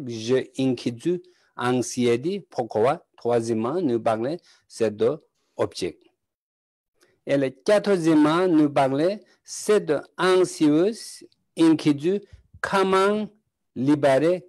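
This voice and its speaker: A man with a Tibetan accent teaching Buddhist philosophy in halting French, speaking in short, searching phrases. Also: mid-range voice, darkish tone, dry recording. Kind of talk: slow teaching talk in broken French.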